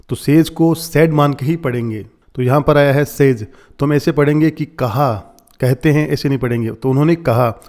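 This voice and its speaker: A man teaching English vocabulary from a newspaper, explaining in Hindi and reading the English phrases slowly and deliberately. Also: fairly high pitch, mellow.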